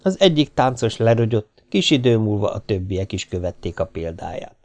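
A man reading a novel aloud as an audiobook narrator with steady storytelling. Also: lowish voice. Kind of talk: scripted narration.

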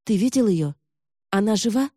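A woman's voice: medium pitch, animated, moderate pace, warm tone, husky, dry recording, clean studio sound, pitched above the performer's own voice. A woman voicing a young noblewoman who speaks firmly and demandingly. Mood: urgent. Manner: firm, demanding. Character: young noblewoman, stern and urgent.

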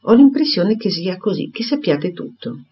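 A man reading a grave, steady gentleman. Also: high-pitched, moderate pace, husky, voice pushed up, full character voice. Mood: firm. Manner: grave and firm. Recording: dull lo-fi recording.

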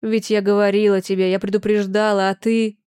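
A woman's voice: mid-range voice, level tone, brisk, mellow, smooth, close to an everyday voice. A woman voicing a distraught middle-aged mother who wails and scolds, then gives hard, clipped orders. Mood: wailing. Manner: lamenting, reproachful, clipped orders. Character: older mother, shrill, wailing, then stern.

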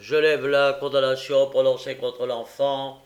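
A man reading aloud and voicing a gruff, grumbling male police magistrate who scolds harshly. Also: medium pitch, level tone, measured pace, close to an everyday voice. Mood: scolding.

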